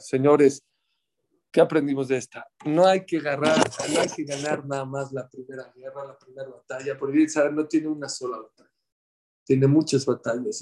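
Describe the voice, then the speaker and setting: A man teaching a religious class in an animated way, telling stories and asking his listeners questions. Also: medium pitch. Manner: animated, asks the audience questions.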